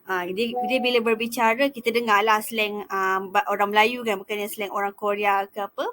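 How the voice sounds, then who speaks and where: Her voice at medium pitch, a young female student teacher talks through a topic like an informal lecture. She's chatty and relaxed, frequently stopping to start over.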